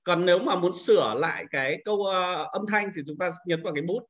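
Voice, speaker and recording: A man leads a screen-recorded software tutorial for fellow teachers, taking each step patiently in order. His voice sits high and sounds bright and forward. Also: fast talker, highs cut off. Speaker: teacher trainer.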